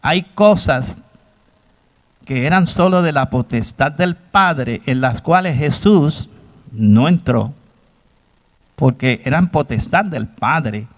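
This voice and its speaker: A man preaching a sermon, with a voice that sits somewhat high for a man. He keeps asking the congregation rhetorical questions. He also acts out the voices he quotes. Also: expressive, slow, pauses often.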